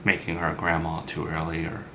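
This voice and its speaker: A man's voice: a bass voice, completely flat delivery, fairly quick, background noise. Man voicing a blunt, sarcastic grown daughter. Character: blunt sarcastic mother, grown woman, once a teen mom.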